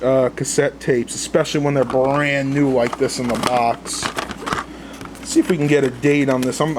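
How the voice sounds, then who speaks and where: Indoors at home, a man with a mid-range voice casually shows off a haul of vintage cassette tapes to his viewers. He talks unscripted and colloquially, thinking aloud as he goes, with background noise in the clip.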